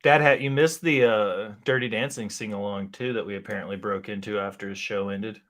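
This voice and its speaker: A man in casual chat on a stream, teasing his friends and swearing freely in quick banter. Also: lowish voice, fairly even intonation, a bit bright.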